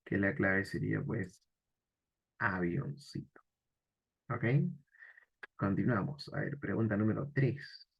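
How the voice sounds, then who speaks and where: A man's voice: on the low side, steady tone, slow, creaky, long pauses, husky, muffled recording. A man teaching an exam-prep grammar lesson, asking the viewer questions and then answering them himself.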